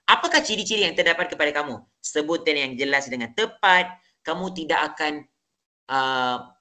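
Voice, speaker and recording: A woman's voice: on the low side, pushed and bright. A young woman with a Malaysian Malay accent, teaching a class and asking the pupils questions as she explains. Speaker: teacher in a simulated lesson. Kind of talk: classroom lesson presentation.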